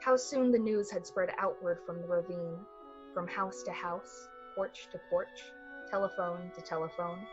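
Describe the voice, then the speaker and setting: Unhurried and steady, a fairly low-pitched woman's voice, close to an everyday one, tells a suspenseful summer-night story like a 1940s radio drama. She keeps the suspense measured. The audio is slightly muffled, with music beneath.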